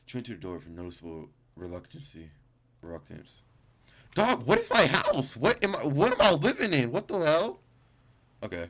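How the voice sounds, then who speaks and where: A gaming YouTuber reads game text aloud at a moderate pace, his medium-pitched, slightly bright voice swooping wildly up and down. He stumbles, corrects himself, and tosses in casual reactions.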